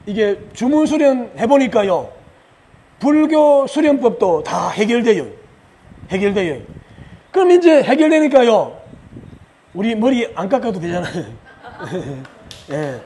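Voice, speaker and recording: A man giving a lively lecture at a religious retreat, asking questions of the audience, answering them himself and chuckling as he goes. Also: sits high, husky. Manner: chuckles often while he explains.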